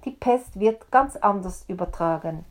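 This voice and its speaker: A woman's voice: mid-range voice, expressive, unhurried, lightly acted. A woman voicing a nobleman who firmly reassures the townsfolk. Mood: reassuring. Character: reassuring male prince, calm nobleman.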